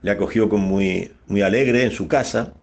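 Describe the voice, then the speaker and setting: A man, a priest, giving a radio homily that rises in pitch on key words, with many rhetorical questions. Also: moderate pace, vocal fry. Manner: preaching, rising in pitch on emphasis, rhetorical questions. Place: radio studio.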